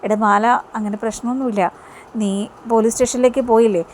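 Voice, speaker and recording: A woman's voice: on the high side, fairly even intonation, fast, a little mellow, a little hiss or hum, close to an everyday voice. Brief: woman reading a sneaky fake-sorry villain from a soap retelling. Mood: evasive. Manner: evasive, falsely sorrowful. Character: sly villainous man feigning injury.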